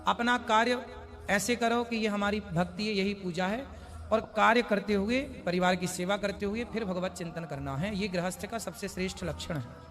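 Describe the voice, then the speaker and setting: High-pitched guy calmly explaining spiritual stuff, echoey hall, music behind. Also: normal speed. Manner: calm, patient, explains with everyday examples. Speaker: spiritual teacher answering devotees. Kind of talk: religious question-and-answer discourse.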